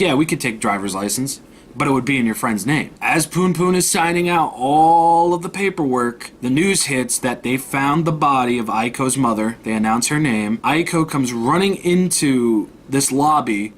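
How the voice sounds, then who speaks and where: A man's voice: medium pitch, slight background noise. A man casually reviewing a manga volume, retelling the plot in loose everyday speech and quoting the characters. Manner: casual, recounts plot with quoted lines, swears. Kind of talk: casual spoken book review.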